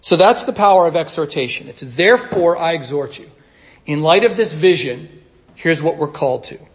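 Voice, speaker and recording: A man delivers a sermon in a conversational teaching style. His voice sits a little high, and he swings from loud urging to quiet, soft asides. The sound is echoey, as if he is speaking in a reverberant room. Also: expressive, normal speed. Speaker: pastor.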